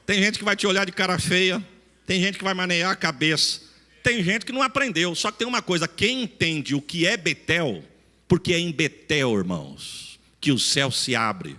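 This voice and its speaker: A man pastor with a São Paulo countryside Brazilian accent preaching a sermon in a folksy style, acting out dialogue and rising into shouts. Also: high voice, animated, moderate pace, big-room sound. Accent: São Paulo countryside Brazilian Portuguese. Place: church sanctuary.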